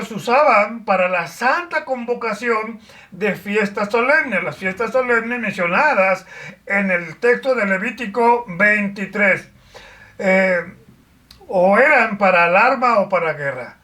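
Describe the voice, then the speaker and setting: A woman teaching a Bible study lesson in a measured, explanatory way, pausing with fillers and restarting phrases. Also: mid-range voice, lively intonation, pushed and bright, distant mic.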